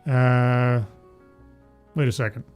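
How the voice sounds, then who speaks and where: A livestream host in his forties chats casually with viewers and the live chat, rambling, poking fun at himself and laughing often. His mid-range voice is slow, smooth and darkish, with a flat delivery, and soft music plays in the background.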